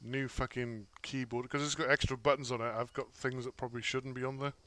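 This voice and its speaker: A man chatting while playing a co-op military game, joking and swearing, with slow radio calls. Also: medium pitch, level tone, sharp tone. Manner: joking, swears, laughs a lot. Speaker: player.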